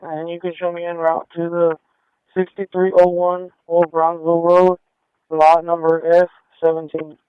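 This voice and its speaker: Guy dispatcher on police radio, clipped and matter-of-fact, kinda high and totally flat. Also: moderate pace, clear, resonant tone, no room sound. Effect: police radio transmission. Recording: narrow, phone-like police radio.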